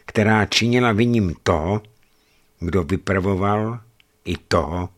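Deep-voiced man reading a novel gravely. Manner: measured, grave storytelling. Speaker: audiobook reader. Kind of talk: literary audiobook narration.

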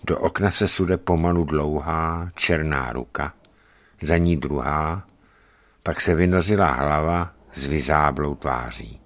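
A man narrating a travel memoir aloud in a measured, dramatic storytelling manner. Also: rumbling low.

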